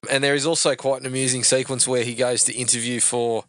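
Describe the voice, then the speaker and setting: A man's voice: medium pitch, little pitch movement, fast talker, a bit bright, dry recording. A man, co-hosting a casual movie podcast, chatty and laid-back, often laughing. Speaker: podcast co-host.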